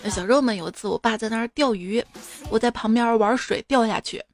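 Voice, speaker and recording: A woman's voice: on the high side, fairly quick, over music. A woman hosting a comic show, reading out listener jokes with chatty, teasing asides to her audience. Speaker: radio-style host reading listener jokes.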